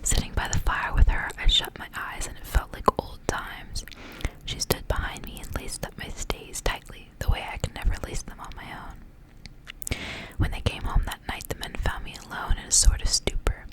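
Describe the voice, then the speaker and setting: A woman reads a story in a hushed, completely breathy and unvoiced whisper, soft and intimate in ASMR fashion. Her phrasing is measured like a storyteller's reading from a book, and the recording is low quality.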